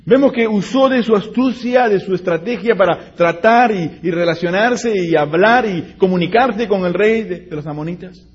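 A man's voice: high-pitched, normal speed, few pauses, slightly rough. A man preaching a sermon in a church, retelling scripture with dramatic voices and speaking directly to the congregation. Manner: animated, dramatic voicing of scripture characters, direct asides to the congregation. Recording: dull lo-fi recording with long hall reverb.

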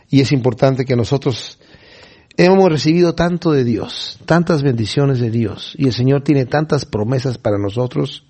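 A man preaching a sermon in an animated way, acting out the scenes of the story, then closing in prayer. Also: medium pitch, breathy edge. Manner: animated, acts out the story's voices.

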